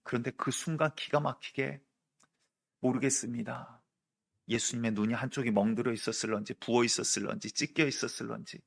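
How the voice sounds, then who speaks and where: A middle-aged man preaching from the pulpit, his voice carrying a gravelly rasp at an ordinary middle pitch. He tells the story with high drama and acts out the voices of the people in it, rising and falling with the tale. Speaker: senior pastor. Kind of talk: sermon.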